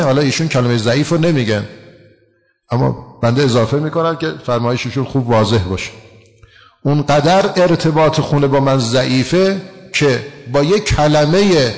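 A man's voice: fairly high pitch, long reverb tail. A man giving a religious lecture, explaining a text and asking his listeners rhetorical questions.

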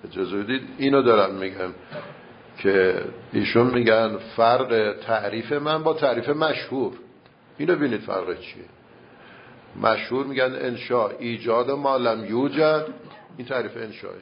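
A man teaching a seminary class patiently explains and argues a point in a classroom debate on grammar and logic, leaning on many rhetorical questions. His mid-range voice is creaky, and the recording has the highs cut off and a little hiss or hum.

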